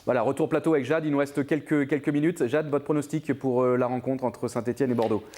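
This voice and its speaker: A man hosting a TV football talk show in the studio, presenting the segments in a brisk, upbeat way. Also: mid-range voice, steady tone, mellow, faint music behind. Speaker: host. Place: TV studio set.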